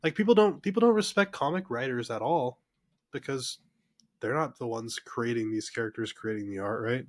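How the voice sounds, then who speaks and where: A man's voice: medium pitch, normal speed. Blunt, opinionated man on a podcast. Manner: blunt, opinionated, swears freely. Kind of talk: casual podcast chat.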